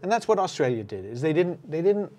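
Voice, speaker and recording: A man's voice: on the high side, big pitch swings, fairly quick, darkish tone. A man hosting a casual sports podcast, recapping a rugby match in a conversational way with many fillers. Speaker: podcast host.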